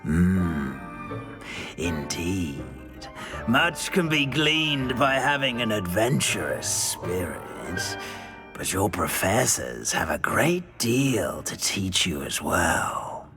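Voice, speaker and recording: An actor playing an ancient enchanted talking hat in a fantasy game, slow and pondering, with drawn-out hums and a gravelly voice. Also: male voice, sits low, big pitch swings, over music, heavily acted. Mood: musing.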